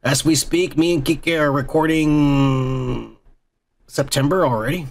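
A man's voice: a little high, measured pace. A man co-hosting a casual podcast, crude and joking as he rambles. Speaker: podcast co-host.

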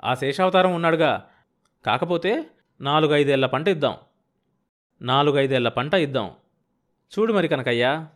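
A man's voice: on the high side, normal speed, long pauses, close to an everyday voice. A man voicing a shrewd, stubborn middle-aged village farmer who talks bluntly and pushes hard. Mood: insistent. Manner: blunt, pushy and insistent.

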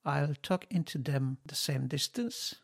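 This is a podcast host trying out microphones from his home studio desk, close on a dynamic studio mic. He has a gravelly, fairly high voice with lively intonation, yet talks casually in a slow, halting way with many fillers and non-native phrasing.

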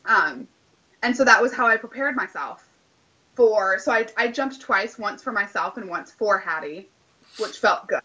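Bright chatty woman in her late twenties. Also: medium pitch, animated, moderate pace, highs cut off. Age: late 20s. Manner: chatty, lots of "like", acts out quoted dialogue. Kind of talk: casual storytelling.

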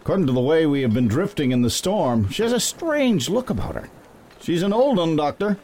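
A man playing a gruff, jovial old sea captain in a period seafaring audio drama. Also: a little high, big pitch swings, fairly quick, warm tone, slight background noise. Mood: brisk, genial.

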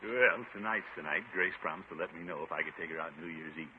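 An actor playing a pompous, flirtatious middle-aged bachelor uncle in a 1950s radio sitcom, with a blustery theatrical delivery. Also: male voice, low voice, fast, lightly acted. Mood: courting, coy. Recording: tinny, noisy 1950s radio recording.

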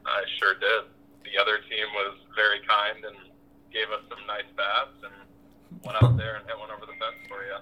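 A man's voice: on the low side, flat delivery, normal speed, bright, forceful tone, low-quality recording. Man talking over a speakerphone. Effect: heard over a phone on speakerphone. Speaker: friend calling in. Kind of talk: casual chat.

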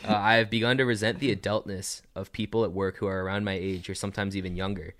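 Man, very deep voice, fast pace, dry sound, reading listener questions. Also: flat delivery, fairly bright tone, no echo. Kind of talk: reading a listener email aloud.

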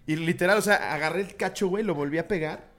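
A young man with a Mexican accent, co-hosting a podcast and telling a slangy, animated anecdote. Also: a little high, quick pace. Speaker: podcast co-host. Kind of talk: casual chat, telling anecdotes.

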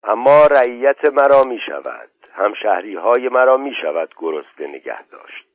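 A man's voice: mid-range voice, very animated, no echo. A man voicing a proud young landowner who speaks bitterly and defiantly. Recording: dull, dry lo-fi audio.

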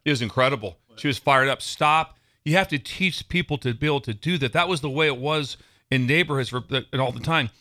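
A man from Nebraska, co-hosting a casual sports podcast, telling stories in an excitable, animated way and laughing often. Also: mid-range voice, a little fast. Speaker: podcast co-host.

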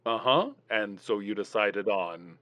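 A man's voice: lowish voice, measured pace, a bit bright, no echo. A man hosting a comic podcast and talking over the phone, rambling in a folksy way with plenty of "you know" and "uh". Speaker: podcast host. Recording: dull, dry phone line sound.

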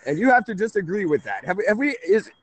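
A man's voice: sits high, sing-song, fast. A man in his late thirties hosting a casual call-in talk show, rambling and correcting himself as he goes. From Canada. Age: 30s. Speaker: host.

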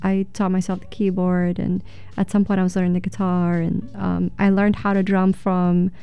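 A woman's voice: fairly low pitch, little pitch movement, normal speed, gravelly, smooth, lo-fi sound, faint music behind. A woman from Egypt on a radio talk show, telling reflective stories with many fillers. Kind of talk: casual radio chat.

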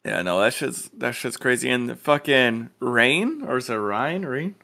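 A man's voice: mid-range voice, big pitch swings, measured pace, creaky, bright, forceful tone. A man co-hosting a podcast, chatting casually about anime in a slangy, profane, rambling way. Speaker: podcast co-host.

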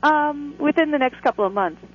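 A woman's voice: high-pitched, animated, normal speed. A woman calling a radio phone-in and asking her question in a hesitant way. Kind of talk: on-air call-in question. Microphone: telephone. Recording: muffled, noisy phone line.

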